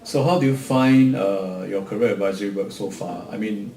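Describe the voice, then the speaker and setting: Measured low-voiced male supervisor. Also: mellow. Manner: measured, gives guidance, asks reflective questions. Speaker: clinical supervisor. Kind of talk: workplace supervision conversation. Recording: echoey room with faint rumble.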